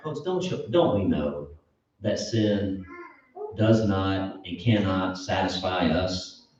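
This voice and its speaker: A male preacher delivers an earnest, emphatic sermon and keeps putting questions to his listeners. His voice is dark and mellow. It comes from well back from the microphone in an echoing church hall, with a dull, muffled sound. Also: low-pitched, expressive, slow, a little hiss or hum. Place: church auditorium. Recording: echoey hall, distant mic, dull.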